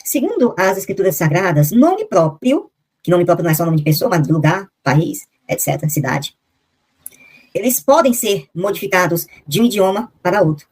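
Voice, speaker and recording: A woman giving a Bible lesson on a video call, reading out lists of names and verses and slowing down to sound out the foreign ones. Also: lowish voice, lively intonation, a little mellow, husky. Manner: reads out name lists and verses, slowly spelling out foreign names. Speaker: Bible teacher. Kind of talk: explanatory Bible lesson with slides.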